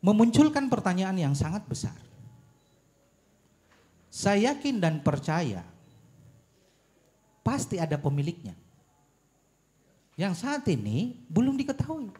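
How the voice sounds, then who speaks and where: At a public forum, a man argues a policy point in a fairly high voice whose pitch swings widely. He speaks deliberately and with emphasis, frequently throwing out pointed rhetorical questions, and his delivery is very animated with a warm tone.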